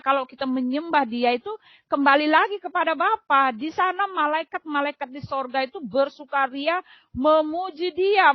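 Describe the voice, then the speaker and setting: A woman's voice: high-pitched, no room sound. A middle-aged woman giving an earnest, emotional personal faith testimony, talking to her friends with many casual fillers. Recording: dull, dry lo-fi audio.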